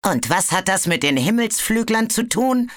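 For an audiobook, a narrator voices a cold ice dragon in a hissing, sarcastic, sharp-edged storybook style. The mid-range voice is sing-song at a moderate pace, pitched above the performer's own yet close to an everyday voice, with clean, dry studio sound.

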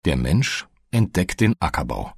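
Deep husky male storyteller. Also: sing-song, darkish tone, no room sound, clean studio sound. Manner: slow, measured storytelling. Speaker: narrator. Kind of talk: scripted audiobook narration.

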